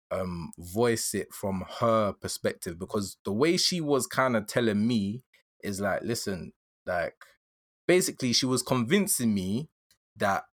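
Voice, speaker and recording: A man's voice: lowish voice, dry recording, studio quality. A young man with a London accent, chatting casually on a podcast in a slangy, rambling way. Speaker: podcast host.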